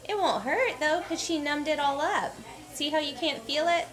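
A woman's voice: high-pitched, animated, moderate pace, over music. A woman in her thirties chatting casually as a parent vlogger, with an encouraging, reassuring way of talking. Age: 30s. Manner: encouraging, reassuring with simple questions to child. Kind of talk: casual vlog chat and talk to a small child. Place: in and around a car, car park, clinic room. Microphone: camera at arm's length. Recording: noisy handheld recording with vehicle ambience.

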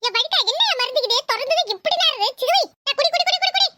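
A cheeky, mouthy little boy from a cartoon, as a woman plays him, with a Tirunelveli Tamil accent. His voice is very high and bright, and he talks in a quick, teasing patter. The sound is dry and close. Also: animated, no room sound, exaggerated voice. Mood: pushy. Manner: teasing, sassy. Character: cheeky young grandson, mischievous and mouthy.

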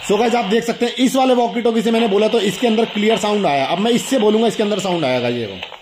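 Loud music plays behind this high-pitched young man, a fast talker hosting a hands-on toy unboxing. Chatty and demonstrative, he keeps turning to address his viewers directly.

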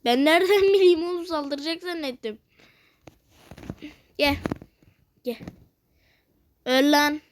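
A woman giving casual let's-play commentary, cursing, teasing and reacting loudly to the game. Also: high voice, slow pace, long pauses, noisy background. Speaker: gamer playing a video game.

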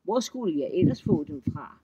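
A man's voice: high-pitched, big pitch swings, creaky, warm tone, slightly rough, muffled recording, full character voice. A man doing a sly, meek farmhand. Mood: innocent. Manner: mild, polite, mock-innocent. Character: sly young farmhand playing innocent and dutiful.

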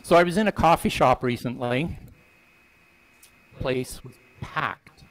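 An older man reading scripture aloud and preaching in a church sanctuary on a headset mic, voicing quoted lines with lifted pitch. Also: unhurried, poor audio. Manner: expressive reading, voices quoted lines higher; stands at the front holding a book, conversational preaching. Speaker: minister.

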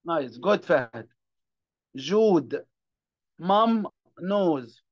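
Egyptian male teacher, high voice, slow patient phonics drills, dull lo-fi audio. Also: lively intonation, no echo. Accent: Egyptian Arabic. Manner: patient, drills children word by word in Egyptian Arabic and English. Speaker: English teacher. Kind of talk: classroom phonics lesson.

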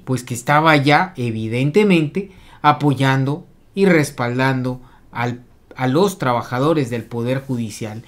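A YouTube news commentator giving casual political commentary, rambling with many hesitations. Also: mid-range voice.

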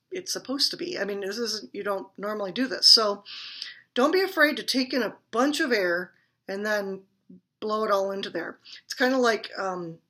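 A woman's voice: fairly high pitch, fairly bright tone. A woman teaching beginner clarinet, explaining and demonstrating in a friendly, chatty way and laughing at her own slips. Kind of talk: instructional demonstration.

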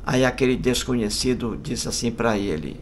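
A man's voice: medium pitch, moderate pace, a little hiss or hum. A man casually telling a long joke, rambling and repeating himself with folksy asides. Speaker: joke storyteller.

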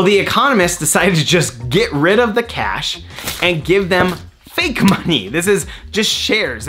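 A man's voice: a little high, fairly bright tone. A man in his thirties hosting a casual educational explainer, talking step by step in a conversational way from a small home office. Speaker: economics explainer host.

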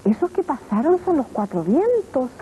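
A woman's voice: high-pitched, normal speed, a little hiss or hum. A woman voicing an earnest, kind little boy in a storybook tale. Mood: soothing. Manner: earnest and calm. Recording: lo-fi old TV tape audio.

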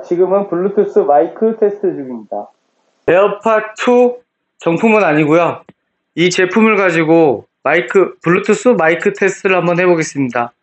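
High-pitched man, dull lo-fi microphone. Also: animated, moderate pace. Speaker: product reviewer and host. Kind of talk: scripted-style product test presentation to camera. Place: plain small room indoors. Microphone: various Bluetooth earphone and neckband mics. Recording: dull lo-fi Bluetooth headset microphones.

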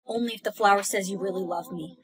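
A woman's voice: medium pitch, fast talker. A young woman acting a wounded, dramatic teenage girl in a short social video skit. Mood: bitter. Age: young adult.

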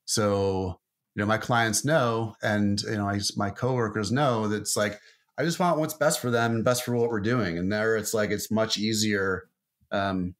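A man talking loosely in a podcast interview, full of fillers and restarts. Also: fairly low pitch. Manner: rambling, many fillers and restarts. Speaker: marketing guest. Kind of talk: casual interview talk.

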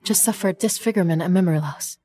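An actress playing a childlike young wife who turns out to be a wronged heiress, speaking softly and pleadingly. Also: female voice, fairly low pitch, quick pace, husky, dry recording. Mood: grim recall. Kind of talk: dubbed short drama acting.

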